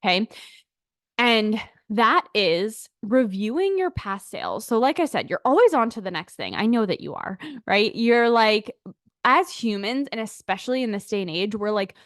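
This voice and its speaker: Woman podcast host, young adult, chatty and candid, casual swearing, a touch breathless, mid-pitched voice, dry close sound. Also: sing-song, normal speed, a bit bright, no room sound. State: a bit out of breath. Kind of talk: casual solo podcast talk.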